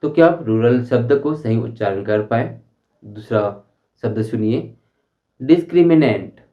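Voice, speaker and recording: A man teaching a spoken English lesson, explaining slowly and deliberately and repeating his examples. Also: mid-range voice, muffled recording. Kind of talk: Hindi-language English lesson.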